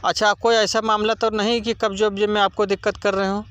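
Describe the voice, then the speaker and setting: A man's voice: high voice, level tone, a little fast, fairly bright tone, smooth. A man working as a news reporter, questioning someone and insistently repeating answers back. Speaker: local TV news reporter interviewing. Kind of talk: field interview questioning.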